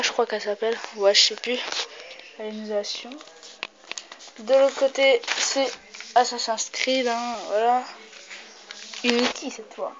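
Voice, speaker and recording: A young woman hosting a casual vlog, talking loosely with lots of fillers and frequent swearing. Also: on the high side. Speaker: video host. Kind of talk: casual vlog showing posters. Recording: dull lo-fi home recording with clear noise.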